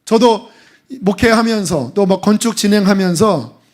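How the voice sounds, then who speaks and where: A middle-aged man preaching a sermon as pastor, lively and emphatic, at times dropping to a hushed voice. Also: high-pitched, normal speed. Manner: animated preaching, drops to hushed voice for acted asides.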